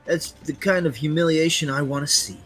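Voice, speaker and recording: Gravelly put-on voice, arrogant villain spearman, a man acting it, gloating, game fan reading, faint music under. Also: a little high, a little fast, a bit bright, natural voice. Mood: menacing. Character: arrogant undying male spear-wielding villain.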